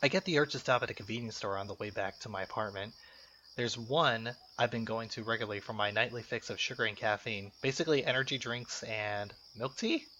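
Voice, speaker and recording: This man has a lowish, brisk voice that sounds pushed and bright as he gives jokey let's play commentary, reacting aloud to a game and reading its text. The muffled lo-fi mic picks up music behind him and slight background noise.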